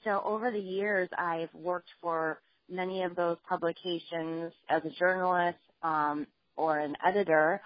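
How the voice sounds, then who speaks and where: A woman journalist and author, a guest in a phone interview, telling her life story in an earnest, steady way. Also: lowish voice, dry recording. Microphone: phone line. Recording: dull lo-fi phone line.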